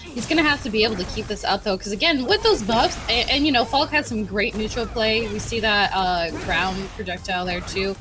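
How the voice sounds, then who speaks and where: A woman's voice: medium pitch, a little fast, over music. A woman giving upbeat, analytical color commentary on a live fighting game match. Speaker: esports commentator.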